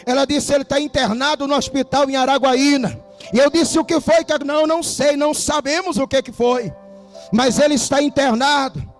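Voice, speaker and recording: A Brazilian man preaching a Pentecostal sermon, telling a story dramatically and breaking into shouts. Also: very high voice, steady tone, moderate pace, faint music behind. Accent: Brazilian Portuguese.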